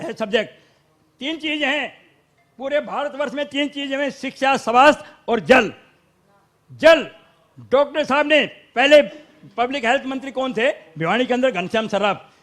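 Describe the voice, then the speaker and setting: In a heated panel debate, a local supporter with a Haryanvi accent pushes his case relentlessly. His voice is extremely high and fairly bright, and he interrupts to stand up for his side.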